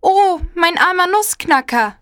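A woman's voice: extremely high pitch, expressive, a little slow, fairly bright tone, no echo, clean studio sound, full character voice. A woman playing young Clara, a small anxious girl. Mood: hopeful. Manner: anxious, wondering. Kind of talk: storybook reading.

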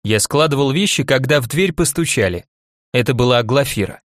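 A man narrating an audiobook in the first person with an even storytelling delivery. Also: mid-range voice, fairly quick, no echo, clean studio sound.

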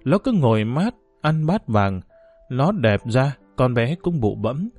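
A man narrating a novel as an audiobook in an expressive storytelling manner. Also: medium pitch, slow pace, soft background music.

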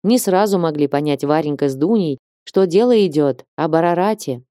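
A woman reading a classic novel aloud in a measured, expressive narration. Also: low-pitched, no echo, clean studio sound. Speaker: audiobook reader. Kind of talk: literary narration.

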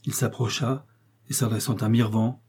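Dark husky male audiobook narrator. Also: mid-range voice, flat delivery. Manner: measured, literary storytelling. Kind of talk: audiobook reading of a classic tale.

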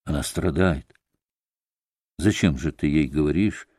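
A man reading an audiobook, voicing a gentle, timid younger brother who speaks softly and pleadingly. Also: lowish voice, lively intonation, unhurried, no echo, clean studio sound. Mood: earnest. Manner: soft and pleading.

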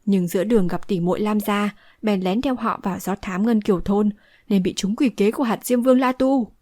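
A woman's voice: medium pitch, brisk, dark tone, no echo, close to an everyday voice. A woman reading an elderly male martial hero, speaking in a formal, courteous way, in a dry studio recording. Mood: grave.

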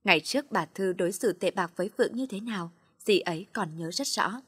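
A woman reads a story aloud in a husky, breathy voice at a steady, unhurried pace. The recording is close and dry, with no room sound. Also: medium pitch, no room sound. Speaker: narrator. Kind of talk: storybook narration.

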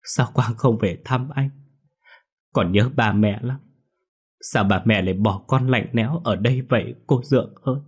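A man's voice: mid-range voice, moderate pace, darkish tone, slightly rough, voice pushed up, lightly acted. Man voicing a weeping young ghost. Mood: tearful pleading. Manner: tearful, pleading. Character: grieving young male ghost, sobbing and pleading.

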